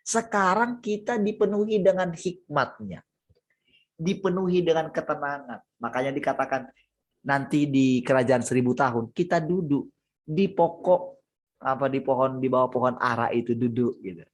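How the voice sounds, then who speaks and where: A pastor preaches a sermon over a video call. The delivery is lively and storytelling, and the speaker keeps turning to the listeners with a direct address. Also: medium pitch, moderate pace.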